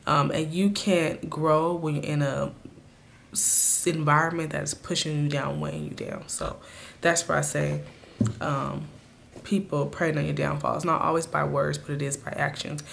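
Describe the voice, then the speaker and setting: A woman with a raspy, hoarse voice from a cold, giving earnest motivational advice straight to her viewers in a casual vlog. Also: low voice, level tone, normal speed, a bit bright. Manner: earnest, speaks to viewers directly. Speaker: vlogger.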